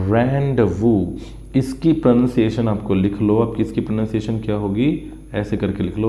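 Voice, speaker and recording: Here a warm, medium-pitched male voice teaches English, breaking down a news article in Hindi for students preparing for exams. His lesson blends the two languages, includes repeated words for pronunciation practice, and involves drawing alongside the explanation. Sound quality is dull and lo-fi, with a roomy echo.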